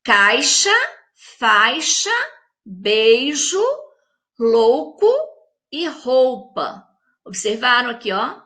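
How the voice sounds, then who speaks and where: A woman teaching a recorded lesson for young children with a Brazilian Portuguese accent. She is patient, checks in with the children and sounds words out slowly. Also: fairly high pitch, expressive, pushed and bright. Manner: patient, speaks straight to the children with check-in questions; spells words out syllable by syllable. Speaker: primary school teacher.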